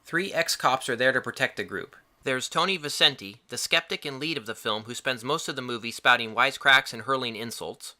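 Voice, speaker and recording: A man's voice: mid-range voice, fairly quick, few pauses, pushed and bright. A man reading a scripted film review in a casual way, with wry, joking asides.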